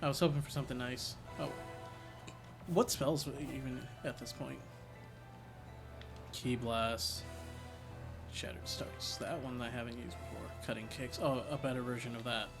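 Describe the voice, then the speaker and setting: A man's voice: mid-range voice, fairly even intonation, normal speed, vocal fry, pauses often. Man casually commentating over game music. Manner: thinks aloud in short reactions. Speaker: game streamer. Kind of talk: casual live gameplay commentary. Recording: music behind the voice.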